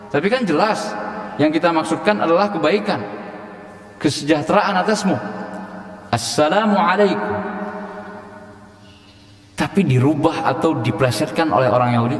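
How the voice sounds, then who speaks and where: A man teaching a Quran exegesis lesson, talking in a lively way and acting out the greetings he quotes. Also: sits high. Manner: lively, acts out quoted greetings with shifting intonation. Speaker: Islamic teacher. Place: Islamic boarding school hall. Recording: echoey hall with long reverb.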